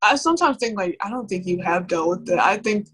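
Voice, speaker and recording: Speaking as a guest, a young woman with a clear, bright voice at medium pitch talks openly about her past with lively intonation. Her speech halts and loops back through fillers and restarts, captured in a low-quality recording.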